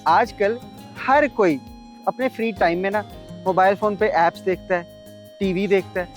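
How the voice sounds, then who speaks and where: An actor playing a smooth-talking friend who pushes and coaxes, persuasive and pushy. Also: male voice, high voice, normal speed, faint music behind, natural voice. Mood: coaxing. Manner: coaxing, persuasive.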